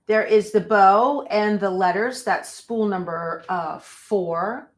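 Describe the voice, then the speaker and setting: Live streaming from her sewing room, a woman who teaches machine embroidery talks slowly in a medium-pitched voice. She chats with viewers and thinks out loud while getting her machine set up.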